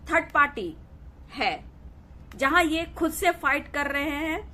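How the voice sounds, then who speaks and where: A woman's voice: high-pitched, unhurried, bright, forceful tone. A woman giving a collective tarot reading, addressing viewers as "dear" and often repeating "okay" to reassure them. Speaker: tarot reader.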